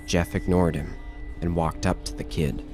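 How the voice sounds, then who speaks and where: A man's voice: low-pitched, steady tone, normal speed, music in the background. A man narrating a scripted horror story as the narrator of an audio drama.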